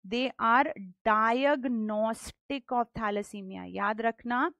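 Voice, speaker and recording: A woman's voice: on the high side, unhurried, a bit bright, no room sound, dull audio. A woman in her thirties with a North Indian accent, lecturing emphatically on exam questions, repeating key points and asking questions that she answers herself. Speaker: pathology teacher. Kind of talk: exam question lecture mixing English and Hindi.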